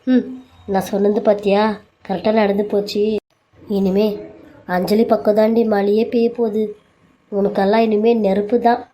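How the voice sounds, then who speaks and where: A woman's voice: mid-range voice, flat delivery, moderate pace, pauses often, mellow, close to an everyday voice, rough recording. A woman voicing a caring older sister figure who scolds and consoles a younger wife in a family serial drama. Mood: consoling.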